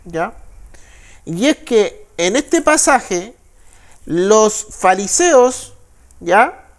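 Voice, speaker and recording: A man with a Chilean Spanish accent, a pastor teaching the Bible in a sermon. He reads verses slowly and keeps checking with listeners. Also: high voice. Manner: frequent tag questions, slow deliberate verse reading.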